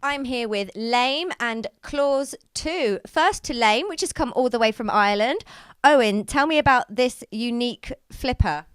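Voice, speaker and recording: Woman presenter, fairly high pitch, crisp clear voice, interviewing style. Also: expressive, measured pace, no echo. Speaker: pit reporter, presenter.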